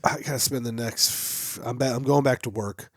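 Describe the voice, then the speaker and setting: A man's voice: mid-range voice, a little fast, no echo, studio quality. A young man co-hosting a hunting podcast, chatting casually in a rambling way full of asides. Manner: rambling and animated, trailing off into asides. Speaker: podcast co-host. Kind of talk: casual chat. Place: small hunting shop studio. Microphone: headset or boom mic.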